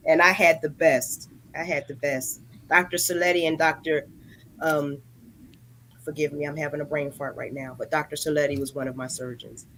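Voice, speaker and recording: A woman's voice: low voice, fairly even intonation, moderate pace, fairly bright tone, slight background noise. A woman guest and cancer survivor, playful and cheering for her home teams.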